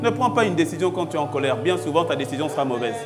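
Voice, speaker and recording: High-voiced man preaching a fervent sermon. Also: very fast, over music. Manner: preaching with rising intensity, repeating phrases emphatically. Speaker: pastor. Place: church.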